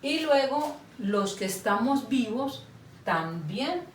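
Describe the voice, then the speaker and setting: A woman's voice: a little high, very animated. A woman teaching a Bible lesson to small children, patient and checking that they follow along. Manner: slow, patient, asks children for agreement. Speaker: children's Sunday school teacher. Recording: echoey room, far from mic, faint noise.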